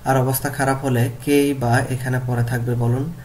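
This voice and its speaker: Male teacher, classroom lesson, repeats words slowly, mid pitch, faint background noise. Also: flat delivery, a little mellow. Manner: repeats words slowly and deliberately to model pronunciation. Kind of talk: classroom lesson explaining vocabulary and pronunciation.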